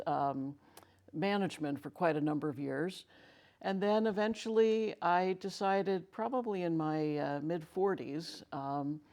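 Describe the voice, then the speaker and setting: Measured woman answering interview questions. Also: lowish voice, darkish tone. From United States (Connecticut). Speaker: guest, nonprofit director.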